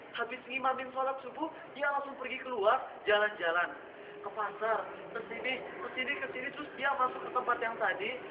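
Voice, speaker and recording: Man, preacher, storytelling sermon, acts out voices, high voice, echoey room, distant mic. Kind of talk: sermon to students. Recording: echoey room heard from far off, dull and noisy.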